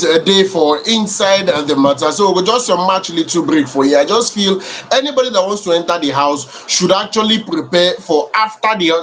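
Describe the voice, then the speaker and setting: A man's voice: high voice, fairly bright tone. A man with a Nigerian accent co-hosting an entertainment talk show, giving conversational commentary that switches between English and Nigerian Pidgin.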